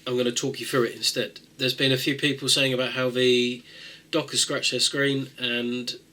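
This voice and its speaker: A tech video host with a cold and a nasal voice rambles casually through a how-to fix, full of fillers and restarts. His voice is medium-pitched with little pitch movement, at a moderate pace, and his tone is bright and forceful. The recording is rough.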